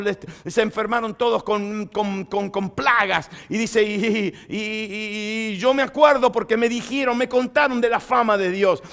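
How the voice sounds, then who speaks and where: A man preaching a sermon in a notably high voice. He asks his listeners questions in lively style, then reads scripture out in loud, forceful bursts. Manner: lively preaching, rising to loud proclamation when reading scripture. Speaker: pastor.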